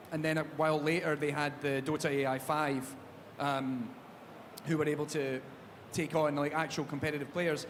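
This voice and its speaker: A Glaswegian Scottish man with a fairly high voice hosts a live panel chat on a large theatre stage, telling stories with jokey, animated energy. His voice echoes through the big hall, with a faint hum of noise beneath it.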